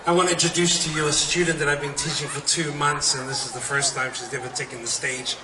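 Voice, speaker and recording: A man's voice: fairly high pitch, flat delivery, fast talker. A middle-aged man chatting from a concert stage between songs, rambling and heartfelt and often laughing. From New Zealand. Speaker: slack key guitarist performing at a festival. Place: concert stage at an arts center. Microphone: stage microphone. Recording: roomy live concert recording from a distance. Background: loud crowd and hall noise.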